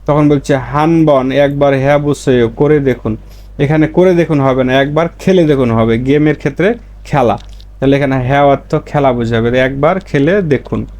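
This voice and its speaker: A man explains Korean grammar lessons, going through each word and then repeating it in his own language. His voice is medium in pitch, a little mellow, and paced moderately.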